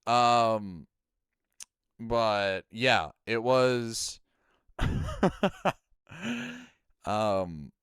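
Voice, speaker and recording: Midwestern guy streaming, smooth clean voice, dry close sound, rambles and trails off. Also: lowish voice, dry recording. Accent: Midwestern American. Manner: talks fast, trails off quietly, reads out comments. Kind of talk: casual chat.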